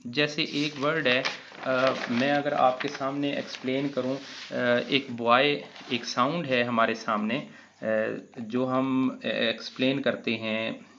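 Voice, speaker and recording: A man's voice: mid-range voice, little pitch movement, slow pace, bright, forceful tone, slight background noise. A man teaching an English grammar lesson, spelling words out letter by letter with frequent hesitant fillers. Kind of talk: classroom grammar explanation. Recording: dull lo-fi recording.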